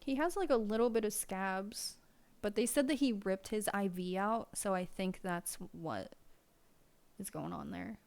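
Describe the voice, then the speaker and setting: A woman's voice: medium pitch, measured pace, creaky, a little mellow. A woman streaming from her desk at home, chatting casually and cooing soothingly to her cat. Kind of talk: casual live-stream chat.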